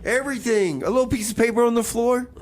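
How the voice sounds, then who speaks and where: With crowd noise in the background, an American radio host in a small station studio talks very fast in a very high-pitched voice. He back-announces songs amid casual, rambling banter, sounding hesitant and full of exclamations.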